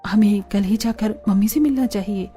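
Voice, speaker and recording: A woman voicing a group of emotional young married daughters in an animated story, pleading and tearful by turns. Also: medium pitch, normal speed, soft background music, close to an everyday voice. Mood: eager.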